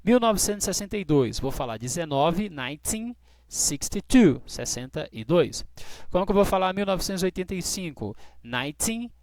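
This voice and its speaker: Male teacher, animated delivery, dry close sound, patient and drawn-out on English examples. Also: high voice, no echo. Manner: patient, slows right down to model English phrases. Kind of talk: classroom explanation.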